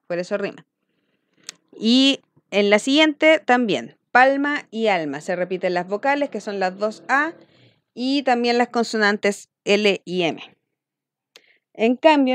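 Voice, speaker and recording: Smooth-voiced woman teaching a class. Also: medium pitch, no room sound. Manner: explains step by step, checking in with frequent "¿ya?". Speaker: school language teacher. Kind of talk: recorded online lesson.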